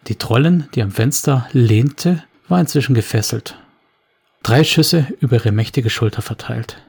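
A man telling a story and voicing the characters' dialogue himself, with a lively manner. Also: normal speed, creaky, breathy edge. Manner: lively, voices characters with raised pitch and volume. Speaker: narrator.

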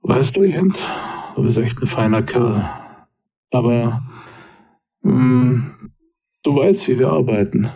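A man's voice: mid-range voice, takes it slowly, pauses often, crowd noise. A man playing a cold, threatening gangster boss. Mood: menacing. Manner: calm, intimidating. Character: menacing male gangster boss, coldly threatening.

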